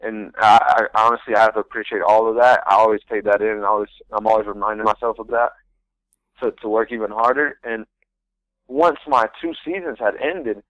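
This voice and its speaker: A young man speaks in a low voice, earnest and rambling, stopping and restarting as he tells his story. He sounds close and dry, like a guest in a radio studio. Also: steady tone, fairly quick, a bit bright, no room sound, low-quality recording. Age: young adult. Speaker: guest, pro soccer rookie. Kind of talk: casual interview storytelling.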